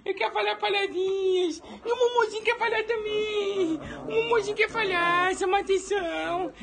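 Man voicing a tiny whiny male pup with a Brazilian Espírito Santo accent, very high baby talk, dogs barking around. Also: fairly even intonation, moderate pace, creaky, a crowd in the background. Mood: whining. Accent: Brazilian Portuguese, Espírito Santo. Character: small male pet dog, whiny, baby-talking, missing his dad.

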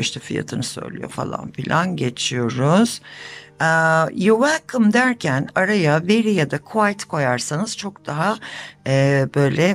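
A woman teacher patiently explaining English phrases to learners. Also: low-pitched. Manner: patient, explanatory, mixing Turkish with English examples.

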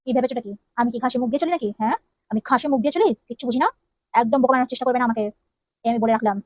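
A woman's voice: a little high, dry recording, natural voice. A woman acting a jealous, nagging young wife in a comedy skit, firing off scolding questions. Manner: scolding, interrogating with rapid questions.

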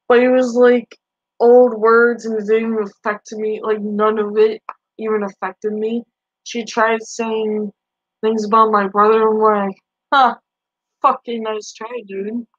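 A twenty-something woman with a Boston accent trash-talks her chat on a live stream, brash and profane, using a headset mic in a small bedroom. Her voice is on the high side and recorded dry, though the stream audio is dull and lo-fi.

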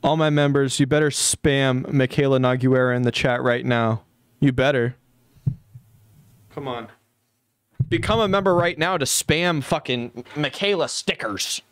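A man with an everyday mid-range voice reacts to a video for his stream chat. He is sarcastic and quick to swear. The sound is dry and close, with no room around it. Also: medium pitch, clear, resonant tone, no echo. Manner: sarcastic, profane asides to chat. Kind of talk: live stream reaction commentary.

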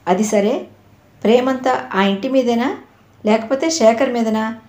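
A woman's voice: on the high side, measured pace, a little mellow, lightly acted. A woman voicing a middle-aged aunt who speaks in an affectionate, coaxing way. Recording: roomy echo.

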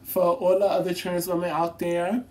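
A woman chatting casually to her viewers in a vlog, animated, laughing often and swearing freely. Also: fairly low pitch, moderate pace. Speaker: vlogger.

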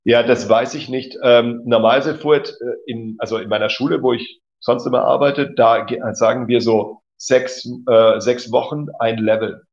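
A man with a medium, somewhat dark voice keeps a steady tone and moderate pace, hardly pausing, as he teaches German live and reads viewer messages. He often praises them, frequently saying "genau" and "cool." It's captured in dull lo-fi sound.

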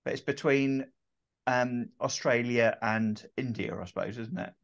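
A middle-aged man hosting an interview from home over a video call, talking hesitantly with many pauses and restarts. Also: medium pitch, gravelly, highs cut off. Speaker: host. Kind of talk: casual interview chat. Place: home room with shelves. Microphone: video call webcam.

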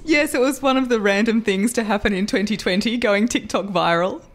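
A middle-aged woman, a voice coach, talking in a podcast interview, lively and quick to laugh at herself. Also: a little high. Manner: lively, laughs often, self-deprecating. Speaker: voice coach guest.

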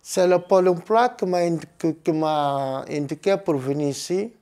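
A man from Guinea-Bissau, not a native French speaker, giving an interview in a classroom in careful, halting French. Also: on the high side, a little mellow. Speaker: language course participant. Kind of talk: interview testimony. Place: classroom indoors.

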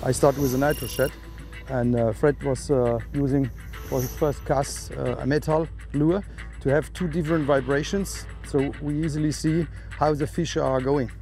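A man's voice: medium pitch, fairly even intonation, moderate pace, warm tone, soft background music. A man chatting casually in somewhat broken English. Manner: broken English, laughs easily. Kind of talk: casual chat.

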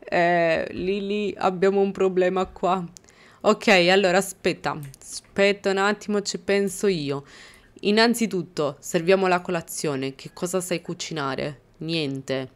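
A woman's voice: on the low side, unhurried. A young woman hosting a casual let's-play, talking over her game and scolding the characters with mock exasperation. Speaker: gaming channel host.

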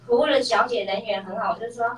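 A woman's voice: fairly high pitch, fast, fairly bright tone, a little hiss or hum. A middle-aged woman telling a personal story in a class, acting out the voices of the people in it. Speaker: class member sharing a story. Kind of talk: personal testimony. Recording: echoey room, voice from far off.

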